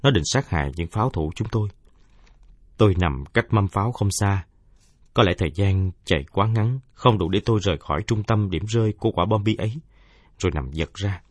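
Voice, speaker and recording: A man narrating a first-person war story in a somber, measured audiobook reading. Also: fairly low pitch, darkish tone, no room sound, clean studio sound.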